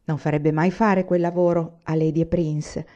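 A woman reading the part of an eager, lively teenage girl in a storybook. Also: deep voice, normal speed, highs cut off, natural voice.

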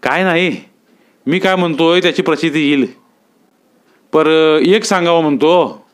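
A man's voice: fairly high pitch, measured pace, pitched above the performer's own voice, natural voice. A man reading a story aloud, voicing Dajiba, a blunt, scheming village man with rustic speech.

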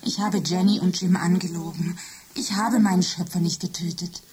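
A woman playing a lovesick, jealous female office computer in a radio drama, speaking softly and often in a whisper. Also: on the low side, steady tone, normal speed, husky. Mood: obsessive, tender. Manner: soft, intimate, often whispering. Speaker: computer character.

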